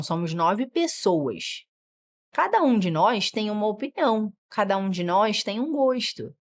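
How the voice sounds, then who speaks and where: A middle-aged woman with a Brazilian Portuguese accent, teaching a parenting course and acting out what children and parents say. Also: mid-range voice. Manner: animated, acts out children's and parents' lines in shifting voices. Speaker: parenting educator. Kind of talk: online course lesson.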